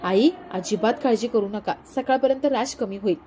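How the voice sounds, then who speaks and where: A woman voicing a soft-spoken, dutiful young daughter-in-law who reassures others meekly, in a mellow, fairly high voice. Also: moderate pace, a little hiss or hum, lightly acted. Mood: gentle. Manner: meek, reassuring.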